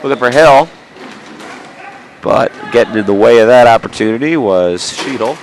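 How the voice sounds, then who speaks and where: A man's voice: mid-range voice, normal speed, a little hiss or hum. A man with a nasal voice from a cold, calling amateur hockey play-by-play in an indoor arena with chatty, jokey asides. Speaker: play-by-play commentator.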